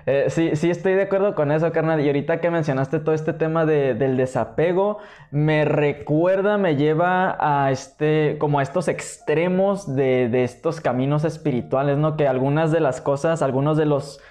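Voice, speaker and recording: A man with a Mexican accent, talking bluntly in casual slang, in a quick conversational way. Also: a little high, darkish tone.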